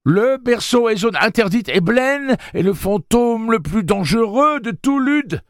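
A haughty, butler-like man in a spoken story, prim and stiff, who climbs into a shrill, panicky squeal, as a male narrator puts him on. The voice is lifted far above the reader's own and stays dry and close. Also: expressive, a little slow, dry recording, exaggerated voice. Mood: alarmed.

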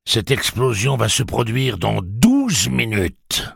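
A man's voice: medium pitch, very animated, slow pace, gravelly, slightly rough, dry recording, studio quality, voice pushed up, exaggerated voice. A man voicing a cruel talking monorail machine that toys with the people it threatens, in a mocking, cold way. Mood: menacing.

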